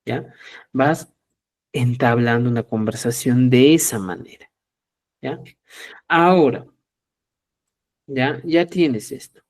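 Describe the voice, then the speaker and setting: A middle-aged Quechua teacher runs a lively, talkative live online lesson, voicing both sides of short sample dialogues and raising his voice on each question. He speaks slowly in a mid-range voice with long pauses. He keeps checking in with viewers, calling them dear friends.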